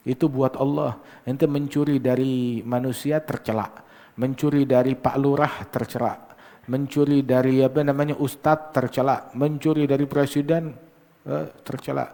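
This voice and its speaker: A man preaching, animated and teasing, mimicking hurried recitation and firing rhetorical questions. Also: mid-range voice. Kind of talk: sermon. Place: mosque gathering. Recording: long hall reverb.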